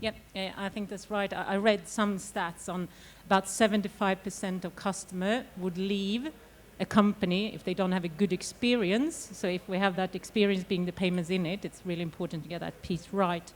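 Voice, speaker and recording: A woman's voice: medium pitch, steady tone, normal speed, slight background noise. Woman moderating a conference panel. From Sweden. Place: conference stage.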